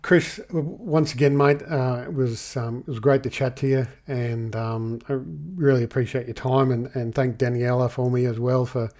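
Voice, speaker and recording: An Australian man hosting a casual podcast interview, speaking in a hesitant, halting way. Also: mid-range voice, steady tone, darkish tone. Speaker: podcast host.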